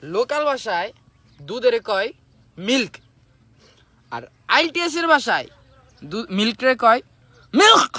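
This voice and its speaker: A man playing a shouting, bossy village tutor. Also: extremely high pitch, sing-song, a little slow, pauses often, dry recording, heavily acted. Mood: scolding. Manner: bossy, scolding, bursts into shouted words. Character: harsh shouting village English tutor, male adult. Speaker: teacher.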